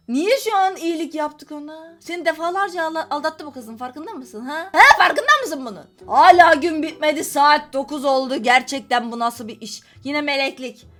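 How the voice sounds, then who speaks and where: A woman with a high, bright voice comments on a game as she plays. She scolds the characters, jumping between squealed outbursts and low grumbles. Faint game music plays underneath. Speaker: gaming channel host. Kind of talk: casual gameplay commentary.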